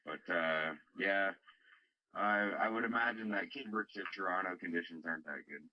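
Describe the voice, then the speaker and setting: Deep-voiced man over muffled shortwave radio. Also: moderate pace. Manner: calm, plain-spoken radio talk. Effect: lo-fi shortwave radio transmission. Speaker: CB radio operator. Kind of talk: casual on-air radio chat. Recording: muffled radio link audio.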